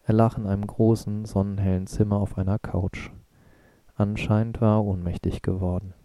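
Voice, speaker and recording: A man reading an audiobook in a measured, even way. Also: fairly low pitch, dry recording. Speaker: narrator. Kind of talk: audiobook narration.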